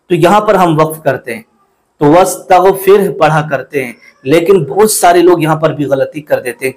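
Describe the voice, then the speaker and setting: A man teaching correct recitation, speaking slowly and deliberately, repeating words to fix common mistakes and chanting verses between explanations. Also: fairly high pitch, darkish tone, rough recording.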